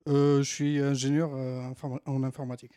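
A man's voice: medium pitch, flat delivery, a little fast, a crowd in the background. A young man with an Algerian Arabic accent in French, chatting casually as a guest and answering hesitantly with repeated words. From Algeria, near Algiers. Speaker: guest from the audience. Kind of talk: casual chat.

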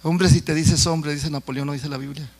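A man's voice: a little high, steady tone, brisk. A middle-aged man preaching a sermon, talking to the congregation in a conversational way with stories and jokes.

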